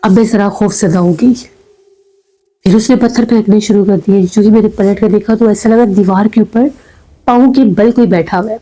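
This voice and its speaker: A woman telling a frightening first-person story in a calm, measured way, with dramatic pauses. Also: mid-range voice, rough recording. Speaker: horror story narrator.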